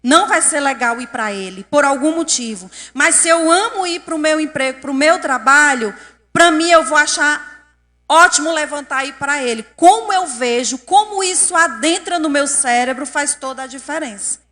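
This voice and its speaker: A woman's voice: sits high, expressive, normal speed, sharp tone. A woman giving a lecture to an audience in a council chamber, often asking the audience questions. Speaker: speaker at a public event. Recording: long hall reverb.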